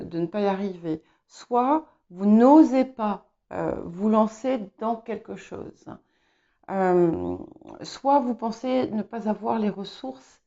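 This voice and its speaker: Slow hesitant woman tarot reader. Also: medium pitch, gravelly, mellow, dull audio. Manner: hesitant, many fillers and restarts. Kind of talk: casual spoken tarot guidance.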